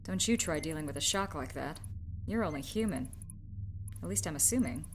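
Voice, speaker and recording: An actress playing a wry, confident ship's medic in an audio drama, with a dry, teasing manner. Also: female voice, sits low, animated, fairly quick, soft background music.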